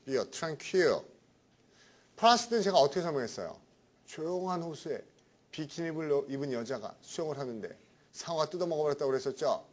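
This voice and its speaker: Lively, chatty male vocabulary lecturer. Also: fairly high pitch. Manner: chatty, keeps asking "right?". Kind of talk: classroom lecture.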